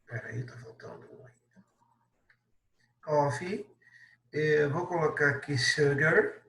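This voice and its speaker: Patient Brazilian teacher in an echoey room. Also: male voice, fairly high pitch, slow, fairly bright tone, recorded from a distance. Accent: Brazilian Portuguese. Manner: patient, explains step by step, adds many tag questions. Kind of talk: classroom lesson correction.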